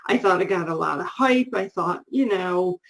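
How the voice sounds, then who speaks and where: A woman's voice: on the low side, moderate pace, gravelly, fairly bright tone, poor audio. A middle-aged woman co-hosting a casual show about books, chatty and full of restarts and asides. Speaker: co-host.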